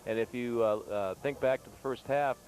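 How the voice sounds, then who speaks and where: A man's voice: mid-range voice, normal speed, darkish tone. A middle-aged man, a color analyst and former coach, explaining the game conversationally in unscripted commentary.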